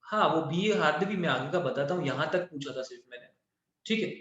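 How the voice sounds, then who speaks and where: A man's voice: on the high side, animated, a little fast, fairly bright tone. A man teaching a math class online, mixing Indian-accented English into Hindi and checking in often with his students. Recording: very echoey, dull lo-fi.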